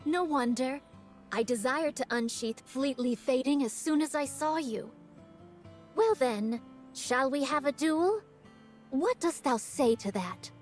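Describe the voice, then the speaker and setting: A woman's voice: high voice, expressive, measured pace, soft background music. A woman voicing a game swordswoman who talks in old-fashioned courtly speech and is eager for duels. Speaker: game character. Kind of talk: game voice acting.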